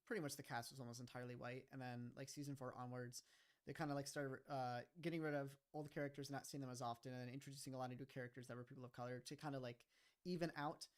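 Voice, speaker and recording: Smooth-voiced young man chatting casually. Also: medium pitch, fairly even intonation, quick pace. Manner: rambling, full of "like" and "kinda". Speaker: streamer and series creator. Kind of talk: casual livestream chat.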